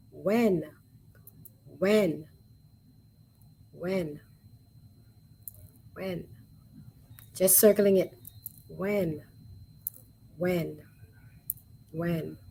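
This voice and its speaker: A woman teaching sign language in an online webinar, patiently repeating each word softly as she shows the signs. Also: on the low side, extremely slow, creaky, pauses often, slight background noise.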